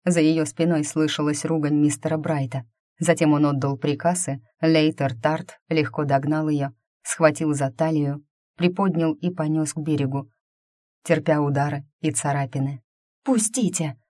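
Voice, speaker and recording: A woman narrating a romantic fantasy novel in an even, measured voice. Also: sits low, no echo, studio quality. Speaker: audiobook narrator. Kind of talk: scripted narration.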